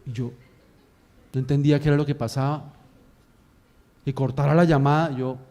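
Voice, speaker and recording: A man, a pastor giving a sermon as an animated storyteller who acts out scenes. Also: mid-range voice, moderate pace.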